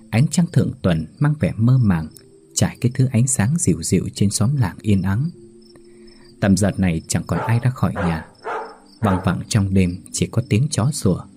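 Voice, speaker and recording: A man narrating a horror story in a slow, grave storytelling manner. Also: sits low, noisy background.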